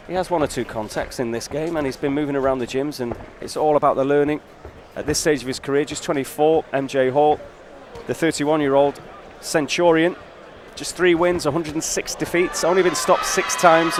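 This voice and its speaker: Male boxing commentator, fairly high voice. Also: steady tone, normal speed. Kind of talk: live sports commentary. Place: ringside at a boxing venue. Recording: clear venue noise behind commentary.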